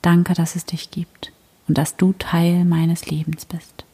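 A woman guiding a prayer meditation in a soft, breathy whisper, gentle and soothing. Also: lowish voice, little pitch movement, takes it slowly.

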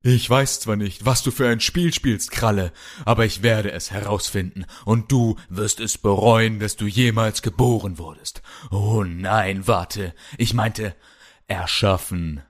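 A man's voice: mid-range voice, lively intonation, takes it slowly. A man voicing a young brown bear kung-fu hero in a storybook audio drama, defiant and sarcastic toward his enemy. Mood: defiant anger. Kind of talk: audiobook character voice.

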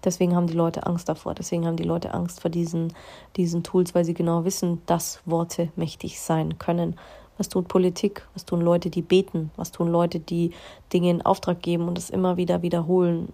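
Low gravelly woman, meditative self-help talk. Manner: calm, meditative, drops into soft whispers; slow, drawn-out emphasis on key phrases. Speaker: spiritual self-help host. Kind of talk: spiritual self-help monologue.

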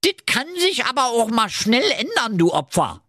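A man's voice: very high voice, wildly swooping pitch, moderate pace, pushed and bright, no echo, clean studio sound, voice pushed up, exaggerated voice. A man voicing a hot-tempered ninja with a strong Berlin accent, brash and insulting. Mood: boastful.

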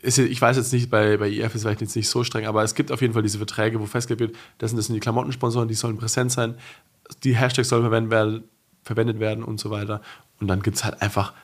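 A young man, a professional racer appearing as a guest, chats casually on a podcast in a fairly low, barely moving voice at a quick clip. He rambles with lots of restarts and fillers, breaking into emphatic bursts now and then.

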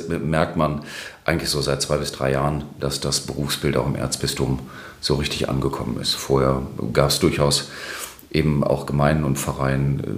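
Middle-aged man, extremely deep bass voice. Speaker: interview guest, church administration manager. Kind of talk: unscripted interview answers. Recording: roomy, echoing sound.

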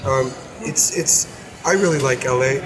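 An American man whose voice is hoarse and nearly lost, chatting casually as co-host of a car podcast. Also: mid-range voice, measured pace. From United States. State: hoarse, losing his voice. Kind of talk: casual car show discussion. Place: indoors at an auto show stand. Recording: clearly noisy auto show floor.

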